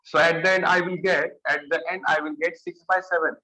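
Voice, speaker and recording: A man's voice: a little high, level tone, a little fast, pushed and bright, reverberant, low-quality recording. A young man with a Marathi accent giving an exam-prep lecture, repeating key phrases and stressing words. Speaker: engineering lecturer.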